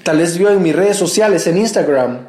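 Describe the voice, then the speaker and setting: A man's voice: high-pitched, lively intonation, normal speed, darkish tone, reverberant. A man, a pastor, giving an earnest, conversational church message.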